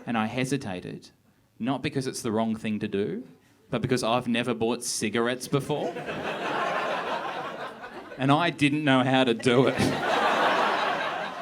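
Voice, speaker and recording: A young man doing a stand-up set on a theatre stage, with a deadpan, awkward, self-deprecating delivery. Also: mid-range voice, very noisy. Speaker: stand-up comedian. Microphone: handheld stage mic. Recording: live theatre with crowd laughter. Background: audience laughter.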